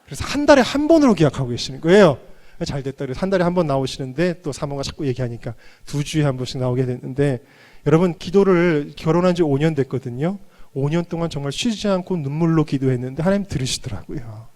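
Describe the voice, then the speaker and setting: A man's voice: a little high, animated, fast talker, a little mellow. A man, a pastor, preaching at a revival meeting with humorous personal stories. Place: church.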